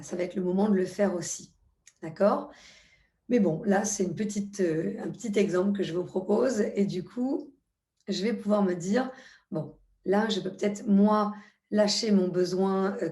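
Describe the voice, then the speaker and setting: A middle-aged woman talks viewers through a self-help tutorial, step by step, in a calm and guiding way. Her voice is mellow and relaxed, with a few hesitations between phrases. The room gives it a noticeable echo. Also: medium pitch. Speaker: EFT practitioner. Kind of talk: spoken tutorial.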